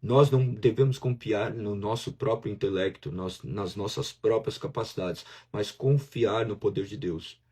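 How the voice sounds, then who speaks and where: Brazilian pastor, male, husky voice, talky sermon delivery that acts out inner voices. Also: lowish voice, measured pace, hardly any pauses, mellow. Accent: Brazilian Portuguese. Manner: conversational preaching, acts out inner voices in dialogue.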